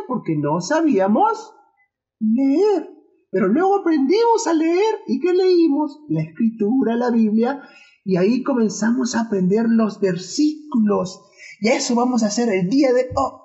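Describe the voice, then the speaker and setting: A woman playing a squeaky-high, playful boy puppet leads kids in a church puppet show, chuckling at its own jokes and calling for the children to repeat after it. The voice sits way up high, and the recording is dull and lo-fi. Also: sing-song, unhurried, mellow. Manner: playful, laughs at own jokes, call-and-response.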